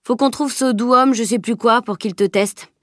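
A woman reading a cheeky, boastful teenage boy in an audiobook, with lively, playful delivery. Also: on the high side, moderate pace, dry recording, studio quality, pitched above the performer's own voice, natural voice.

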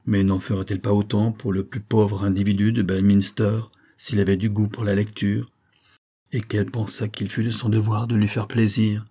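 A man's voice: on the low side, level tone, normal speed, mellow, slightly rough. A man voicing a shy, lovesick young schoolmaster in an audiobook, pouring out his feelings. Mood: brooding. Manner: passionate, trembling.

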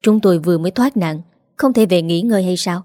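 A woman voicing a scheming middle-aged man who fakes grief, talking quickly and defensively. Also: lowish voice, mellow, dry recording, studio quality, lightly acted. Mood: indignant.

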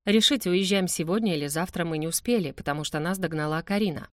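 A woman's voice: lowish voice, fast talker, no room sound, clean studio sound. A woman narrating a first-person novel as an audiobook, reading expressively.

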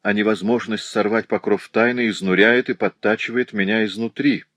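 A man's voice: lowish voice, fairly even intonation, normal speed, fairly bright tone, no room sound, clean studio sound. A man voicing a prudish, fussy middle-aged porter who frets aloud and protests indignantly, in a storybook reading. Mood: brooding. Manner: indignant, fretful muttering to himself. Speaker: concierge.

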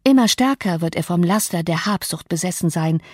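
A woman narrator voices a proud, sharp-tongued young woman in an audiobook. She talks with cutting emphasis. The sound is dry and close. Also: lowish voice, expressive, brisk, dry recording. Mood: scolding.

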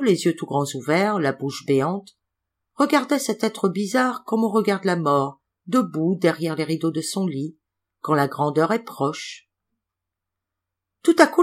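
A woman narrating an old tale aloud with expressive, dramatic phrasing. Her reading swells and softens with the story's descriptions. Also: fairly low pitch. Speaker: audiobook reader. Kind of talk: scripted narration of a classic tale.

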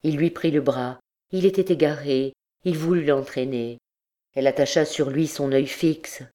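A woman narrating a classic novel in an audiobook, measured and grave. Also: deep voice, mellow.

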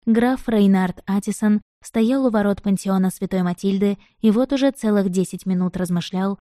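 A woman reading a novel aloud in even, measured scripted narration. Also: mid-range voice, no room sound, clean studio sound. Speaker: audiobook narrator.

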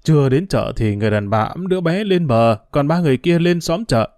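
A man's voice: on the high side, lively intonation, fairly quick, darkish tone, no echo, studio quality, close to an everyday voice. A man voicing a humble older ferry boatman who talks deferentially, with fretful exclamations. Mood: worried.

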